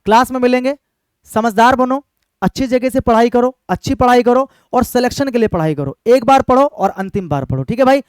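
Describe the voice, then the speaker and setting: A man's voice: very high-pitched, brisk, a little mellow, smooth, dry recording. A young man, an exam-prep English teacher, talking earnestly to his students and often checking in with them. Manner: earnest, keeps checking in with "ठीक है?" and "भाई". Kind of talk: direct-to-camera talk to students.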